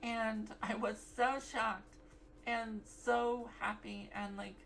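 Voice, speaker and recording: A woman's voice: on the high side, little pitch movement, takes it slowly, a bit bright, slight background noise, rough recording. A young woman vlogging in a casual, rambling way, full of fillers and restarts. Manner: rambling, many fillers and self-corrections.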